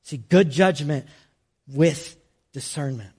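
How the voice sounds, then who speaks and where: A man's voice: on the high side, slow, a little mellow, slightly rough. A young man preaching a conversational sermon in a storytelling way, often using "like" as a filler.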